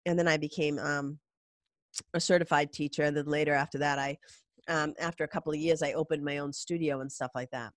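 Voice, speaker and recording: Speaking a little fast in a low, steady voice, a middle-aged woman with a cold-congested, nasal tone rambles emphatically through a casual solo podcast. The sound is clean studio quality with no room sound.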